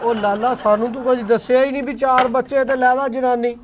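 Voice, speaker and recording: A man's voice: very high voice, flat delivery, fairly quick, muffled recording, noisy background. A man playing the husband's brother, brash and insulting toward the others. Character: husband's brother, a loud defender of his brother.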